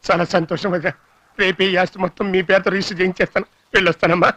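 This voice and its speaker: A dubbing actor playing a scheming, fawning middle-aged uncle in a dubbed film, talking in a rapid, theatrical, wheedling way. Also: male voice, high-pitched, level tone, sharp tone, dry recording. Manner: rapid, wheedling and theatrical, scolding then pleading. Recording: dry studio dub.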